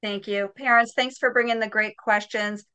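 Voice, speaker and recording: A woman's voice: medium pitch, fairly even intonation, normal speed, pushed and bright, smooth, dry recording. A woman hosting a live parenting session, upbeat and encouraging with her guest and the parents. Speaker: host.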